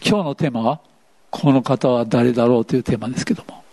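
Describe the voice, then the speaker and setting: A man's voice: mid-range voice, fast, warm tone. A man preaching a sermon, playfully asking the congregation questions as he goes. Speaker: pastor. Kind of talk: interactive sermon.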